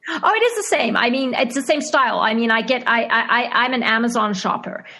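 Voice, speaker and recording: A Zimbabwean-accented actress and screenwriter answers interview questions casually and hesitantly, with lots of fillers and restarts and frequent laughter. Her voice is on the high side, brisk, bright and forceful.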